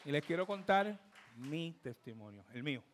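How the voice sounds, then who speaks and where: Puerto rican pastor guy in his 50s, lively storytelling sermon, goes loud then hushed, kinda high voice. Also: normal speed, a little hiss or hum. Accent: Puerto Rican Spanish. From Puerto Rico. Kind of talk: sermon testimony.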